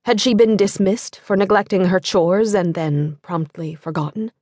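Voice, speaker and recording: A woman giving an expressive, measured scripted narration of a novel. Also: medium pitch, no echo, clean studio sound. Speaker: audiobook narrator.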